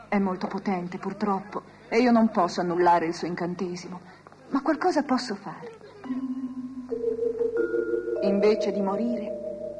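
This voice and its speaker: A woman's voice: medium pitch, lightly acted. An actress playing a kind young fairy who reassures the king and queen. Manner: gentle, reassuring.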